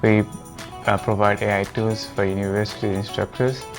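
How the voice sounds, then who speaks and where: A man's voice: on the low side, flat delivery, normal speed. A man co-founder introducing his startup plainly, with uh fillers. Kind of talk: pitch introduction. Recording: music playing underneath. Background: music.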